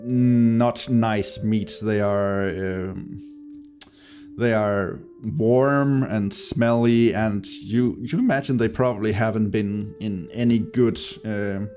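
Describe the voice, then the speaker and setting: A man's voice: lowish voice, steady tone, takes it slowly, a little mellow, faint music behind. A man narrating a tabletop fantasy game as game master, improvising and hesitantly searching for words.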